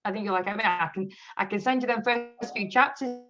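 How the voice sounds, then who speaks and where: A woman's voice: mid-range voice, quick pace, dull audio. A woman author chatting in an interview, telling stories with frequent laughter. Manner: laughs often, animated storytelling. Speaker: author guest. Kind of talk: casual interview chat.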